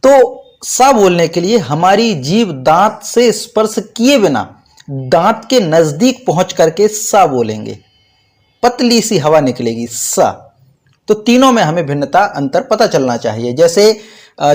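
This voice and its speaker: Man, slightly high voice, patient teacher who drills sounds one by one. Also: darkish tone. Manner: slow, careful, demonstrates sounds repeatedly. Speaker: Sanskrit teacher. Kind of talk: pronunciation lesson.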